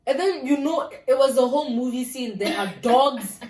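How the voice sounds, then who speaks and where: A woman's voice: sits high, normal speed. A woman co-hosting a vlog, telling a story to viewers and acting out what people said. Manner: animated, acts out quotes. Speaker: vlog co-host. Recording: echoey room, mic at a distance.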